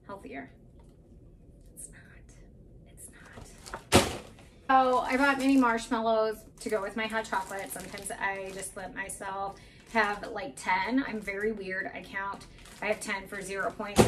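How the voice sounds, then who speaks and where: In her home kitchen, a woman in her thirties vlogs a casual grocery haul, candid and chatty with self-deprecating remarks. Her mid-range voice has a fairly bright tone. She's recorded on a camera mic a few feet off, sounding far away with slight background noise.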